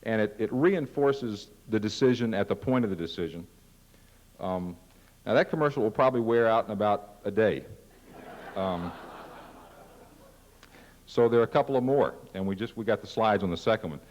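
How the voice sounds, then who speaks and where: A man with a fairly low voice talks staff through a set of ads. He is casual and pokes fun at himself now and then. His voice carries the long reverb of a large conference hall. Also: moderate pace, pauses often, a little mellow, muffled recording. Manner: casual, self-deprecating, acts out ad lines. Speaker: marketing presenter at a company meeting. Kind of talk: presentation to staff.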